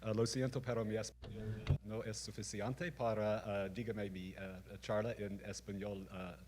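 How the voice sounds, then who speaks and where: A man in his sixties with an American accent and English as his native language, speaking haltingly as a guest at a conference. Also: on the low side, level tone. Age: 60s. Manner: hesitant, halting delivery with many pauses. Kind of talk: conference speech. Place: conference stage in a hall, heard from afar. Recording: distant noisy hall with long reverb.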